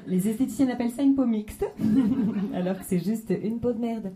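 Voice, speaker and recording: A woman in her thirties performs conversational stand-up on a comedy club stage, hesitant, slangy and self-deprecating. Her voice is a little high with a dark tone at a moderate pace, captured in a live club recording with faint noise.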